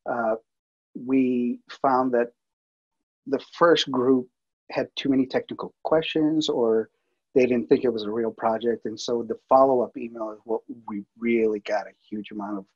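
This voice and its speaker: A multimedia producer walks through a workflow on slides during a webinar, speaking casually with lots of fillers and restarts. His mid-range voice is husky and darkish, with fairly even intonation and a normal pace, and the recording's highs are cut off.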